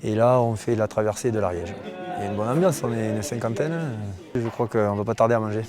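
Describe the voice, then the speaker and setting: A man's voice: lowish voice, steady tone, quick pace. A man from Réunion, a hiker, chatting cheerfully in an interview. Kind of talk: casual documentary interview. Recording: documentary with clear background music.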